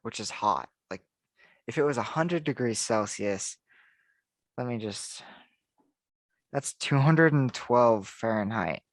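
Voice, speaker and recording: A man's voice: mid-range voice, lively intonation, slow pace, pauses often, no echo, clean studio sound. A man co-hosting a casual podcast, musing aloud and often restarting his sentences. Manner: rambling, thinks aloud with restarts. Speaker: podcast co-host. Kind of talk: casual chat.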